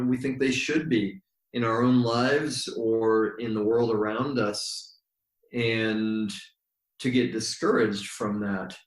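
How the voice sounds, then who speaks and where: Male guest, mid-pitched, reflective and pausing, recorded in an echoey room. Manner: thoughtful, unhurried, with frequent ums and pauses. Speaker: guest, yoga teacher. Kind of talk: relaxed storytelling in conversation. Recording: roomy echo.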